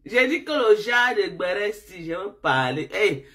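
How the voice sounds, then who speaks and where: A woman live-streaming to her viewers, sleep-deprived from jet lag, who talks in an animated, repetitive way and keeps calling out to her audience. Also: mid-range voice, a little slow.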